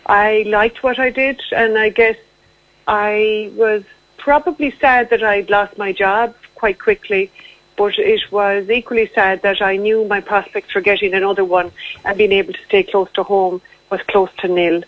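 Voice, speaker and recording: This radio interview guest, a west of Ireland woman, tells her own story conversationally and without fuss. Her mid-range voice holds a steady tone at a measured pace, with no echo. She's on the telephone, and the line sounds tinny and narrow-band.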